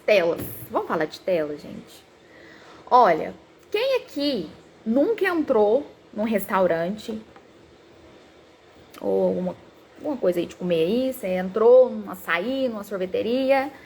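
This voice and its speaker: A woman psychologist in her thirties giving a talk on parenting, animated and acting out quoted parents and children. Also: medium pitch, slight background noise.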